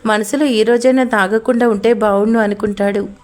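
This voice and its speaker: A woman narrates a spoken love story in a plain, steady storytelling manner. Her voice sits a little above the usual pitch. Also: brisk.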